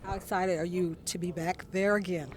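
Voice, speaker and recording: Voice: mid-range voice, fairly even intonation, normal speed, crowd noise. A sports reporter asking interview questions in a locker room.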